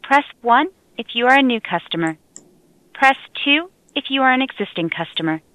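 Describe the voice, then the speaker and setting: A woman's voice: high-pitched, expressive, normal speed. A woman's recorded phone message from an automated menu, reading polite, scripted prompts. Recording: muffled lo-fi phone line with loud noise.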